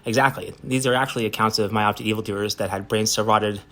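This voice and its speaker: A rambling, boastful stoner man who trips over fillers as he rushes on, read by a man in his own low voice. He speaks fast and low. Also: fairly even intonation, bright, forceful tone.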